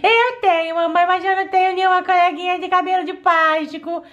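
A woman's voice: very high voice, fairly even intonation, a little fast, fairly bright tone, lo-fi sound, voice pushed up. A woman voicing a sad, stubborn little doll girl who talks in a whiny, pleading way, for a doll play story.

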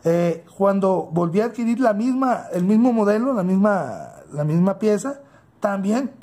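A man with a Mexican accent narrating a casual hands-on toy unboxing, unhurried and halting as he thinks aloud. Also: sits high, lively intonation, mellow. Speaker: toy unboxing channel host. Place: indoors at a tabletop.

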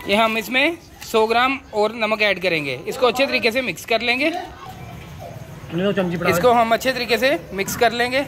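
A man hosting a cooking channel, calmly explaining each step of a big-pot recipe as he works in an outdoor courtyard. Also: extremely high pitch, moderate pace, crowd noise. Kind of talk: cooking demonstration narration. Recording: noisy outdoor recording.

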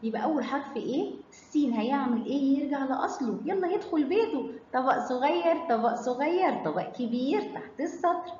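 A woman with an Egyptian Arabic accent teaching children to read, stretching out syllables slowly and quizzing them with questions. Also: high voice, lively intonation, darkish tone, slight background noise. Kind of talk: children's phonics lesson. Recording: echoey hall, slightly dull sound.

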